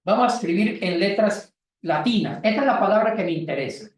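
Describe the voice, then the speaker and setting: A woman teaching a Bible class, lively, calling on students by name and joking as she explains. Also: mid-range voice, a little fast, far from the mic. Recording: echoey classroom.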